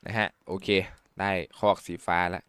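A man giving casual, excited commentary on a car game, exclaiming often and imitating engine sounds. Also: normal speed, no echo. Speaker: gameplay YouTuber.

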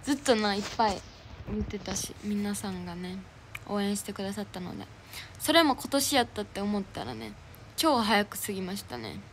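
Speaking at normal speed in a medium-pitched voice, a young idol livestreamer with a Kansai accent chats casually. She cheerfully reads out viewers' comments and gifts and thanks them, against noisy livestream audio.

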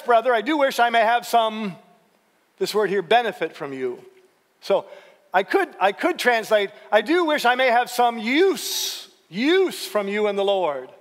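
A middle-aged man with a high, light voice gives a relaxed Bible lecture to a church class. He talks in an animated way, keeps asking "right?" and voices the lines he quotes. The sound rings with the long reverb of a church hall. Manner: animated, frequent "right?" checks, acts out quotes. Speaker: seminary professor teaching a class series.

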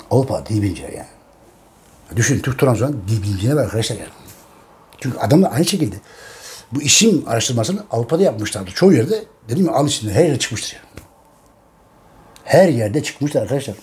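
A man's voice: mid-range voice, very animated, brisk, pauses often, darkish tone. A Turkish man giving a casual, repetitive monologue on history to his viewers, often calling them friends. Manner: repetitive, addresses listeners as friends, emphatic. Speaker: history channel host.

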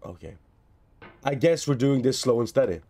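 A man's voice: medium pitch, expressive, moderate pace, warm tone. A young man doing live gameplay commentary while tipsy, rambling and repeating himself with exasperated, profane outbursts. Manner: tipsy from drinking, rambling and repetitive. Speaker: streamer playing a video game.

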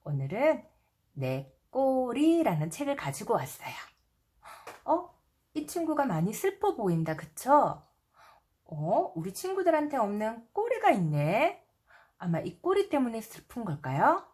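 A woman's voice: on the high side, huge pitch swings, unhurried, a little mellow. A woman storyteller reading a picture book to toddlers, talking to them with simple questions and exclamations. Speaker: storyteller mom reading picture books to children. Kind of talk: reading a picture book aloud to young children.

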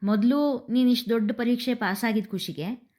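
A woman voicing a gentle, proud father reassuring his daughter in a story reading. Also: fairly high pitch, moderate pace, close to an everyday voice. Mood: tender. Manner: tender, reassuring.

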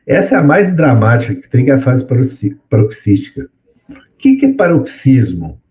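A man's voice: mid-range voice, sing-song, brisk, a little mellow, highs cut off. A man giving a medical lecture to students, explaining step by step and often checking in with tag questions. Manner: explanatory, repeats words for effect, frequent tag questions. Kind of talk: classroom lecture.

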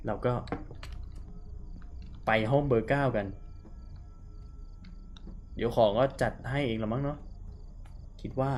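A man's voice: mid-range voice, steady tone, slow pace, long pauses, darkish tone, soft background music. A man casually chatting as he plays a horror game on stream, paraphrasing the characters' dialogue aloud with lots of fillers. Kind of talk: casual live-stream chat.

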